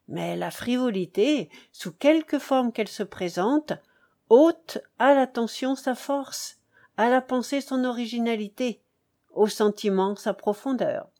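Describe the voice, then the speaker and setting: A woman reads classic literary prose aloud as an audiobook narrator. Her voice is mellow and warm, without sharp edges. She takes a slow, unhurried pace with steady phrasing. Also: medium pitch.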